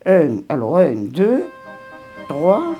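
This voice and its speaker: A woman's voice: deep voice, huge pitch swings, drawn-out words, over music. An older woman reminiscing at home in a rambling interview, often repeating words and sighing.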